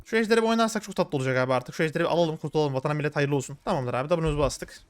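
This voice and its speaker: A man giving live commentary on his own gameplay, talking to viewers in an excitable, slangy way. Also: on the high side, rapid-fire. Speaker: gaming streamer.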